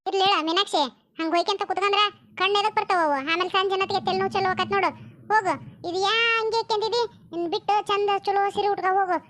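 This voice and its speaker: A woman's voice: very high-pitched, steady tone, fast talker, a bit bright, no room sound. A woman with a North Karnataka Kannada accent, chattily scolding and advising in a village family comedy sketch.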